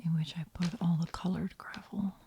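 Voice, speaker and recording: A woman speaking in a hushed, whispery voice as an ASMR host, gentle and unhurried. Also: on the low side, fairly even intonation, vocal fry, a little hiss or hum. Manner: slow, unhurried, gentle murmur. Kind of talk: soft-spoken ASMR.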